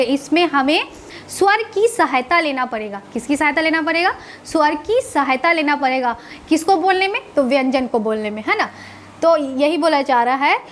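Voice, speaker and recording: A Hindi grammar teacher lectures, posing questions to the class and answering them herself, often with a tag question, and stretching out sounds slowly to show pronunciation. Her voice is high with a fairly bright tone.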